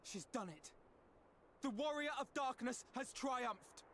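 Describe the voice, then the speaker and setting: An actor playing an earnest, defiant young hero in a fantasy video game. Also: male voice, extremely high pitch, lively intonation, takes it slowly, background noise, heavily acted. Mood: awed. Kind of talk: video game cutscene acting.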